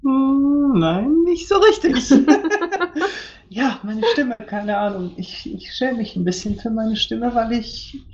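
A woman's voice: a little high, animated, takes it slowly, a little mellow, muffled recording. A woman as an interview guest in a casual podcast chat, talking in a hesitant, self-conscious way and trailing off.

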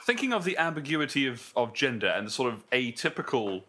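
Animated, bright-voiced man chatting about games. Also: mid-range voice, fairly quick. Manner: animated, playful, breaks into silly voices. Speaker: podcast co-host. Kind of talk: casual panel chat about games.

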